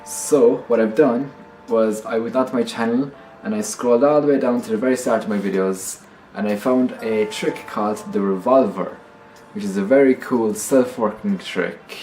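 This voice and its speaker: A man's voice: lowish voice, normal speed, a little mellow, reverberant, faint music behind, poor audio. A man hosting a magic tutorial in casual card magician patter, explaining step by step and often repeating himself.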